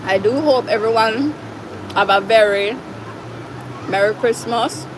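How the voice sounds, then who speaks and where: With background noise behind her, a Jamaican-accented woman hosts a laid-back livestream. She reads through viewer comments in an unhurried, chatty way, her fairly high voice slipping into Patois now and then.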